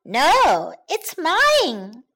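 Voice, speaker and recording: A woman's voice: sits high, huge pitch swings, extremely slow, bright, forceful tone, exaggerated voice. A woman voicing a bold, greedy fox in a bilingual children's storybook, argumentative and insistent.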